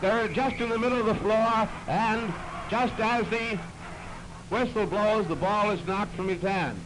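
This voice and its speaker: A man with a high voice calls a basketball game in plain, steady play-by-play. It comes from a played-back early 1930s archive recording, with loud hiss under the voice. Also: measured pace. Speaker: basketball commentator. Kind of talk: live play-by-play commentary. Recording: noisy, hissy old archive recording.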